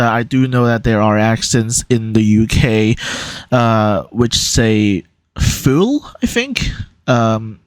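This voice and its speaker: A young man from Hong Kong, a YouTuber with a neutral American-ish accent, talks casually through an online quiz. His medium-pitched voice has no echo, and he's hesitant and rambling, with lots of fillers.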